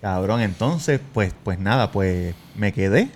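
Puertorriqueño contando historias con mucho ánimo. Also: male voice, on the low side, slow pace, a crowd in the background. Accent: Puerto Rican. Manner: animated, profane storyteller who acts out scenes. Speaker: podcast host. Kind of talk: casual storytelling.

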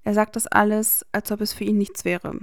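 A woman narrating a fan fiction as an audiobook reading, expressive and measured. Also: mid-range voice, no echo, clean studio sound.

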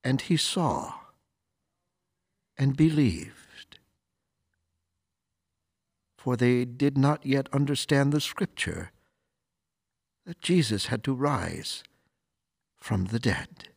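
Slow, solemn man preaching in church. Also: medium pitch, animated, creaky, slightly rough, dry recording, studio quality. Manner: solemn, deliberate, with pauses and rhetorical repetition. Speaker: priest or deacon reading the Gospel and preaching. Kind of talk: liturgical scripture reading and homily.

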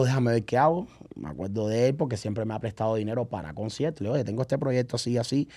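His voice is medium in pitch and a little mellow. Guesting on a podcast as an event promoter, he chats casually and tells lively stories, voicing remembered dialogue and making sure the listener is following.

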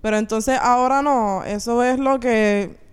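Woman, slow pace, higher pitch, informal debate, long echo. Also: fairly even intonation. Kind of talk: informal debate, some English mixed in. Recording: echoey hall-like reverb.

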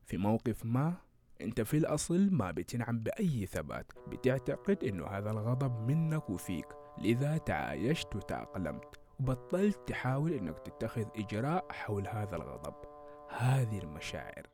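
A male podcast host talks calmly and reflectively, his pitch moving lively up and down as he explains. A guitar plays clearly under his voice throughout. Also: fairly quick. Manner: calm, explanatory storytelling. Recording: guitar music behind voice. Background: guitar music.

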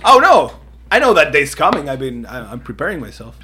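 A man with a Chilean accent and a husky voice, chatting casually as a co-host. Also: on the high side, very animated, a little fast, bright, forceful tone. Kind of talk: casual chat.

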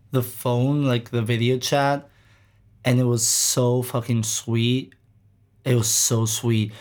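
A man from Greece hosts a music show and talks in an unhurried, drawn-out way. His chat between tracks is loose and rambling, full of fillers and offhand swearing. His voice sits at an ordinary middle pitch. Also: a little mellow. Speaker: radio show host. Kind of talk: casual chat between songs.

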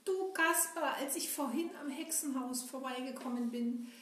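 A woman's voice: sits high, moderate pace, fairly bright tone. A woman voicing Seppel, an eager, childlike boy sidekick in a children's puppet show. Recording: echoey, from a distance.

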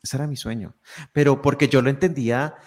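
A man's voice: mid-range voice, steady tone, fairly quick. A man speaking as a guest in a podcast conversation, explaining ideas reflectively with frequent restarts.

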